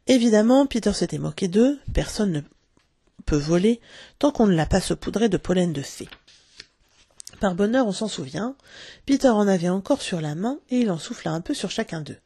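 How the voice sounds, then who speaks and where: A woman's voice: mid-range voice, animated, normal speed, warm tone, husky, dry recording. A woman reading a children's story aloud, telling it expressively and acting out the characters. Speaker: narrator.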